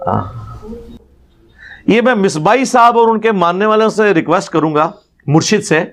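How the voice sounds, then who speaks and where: High-voiced sarcastic man. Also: lively intonation. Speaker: commentator responding to a clip. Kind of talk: reaction commentary.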